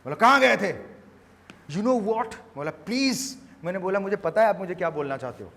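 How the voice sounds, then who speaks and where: Man preaching, high voice, long echo of a hall, loud then hushed, Indian English accent. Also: animated, moderate pace, gravelly. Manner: preaching that swings from loud to hushed while telling a story. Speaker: pastor. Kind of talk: sermon. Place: church hall.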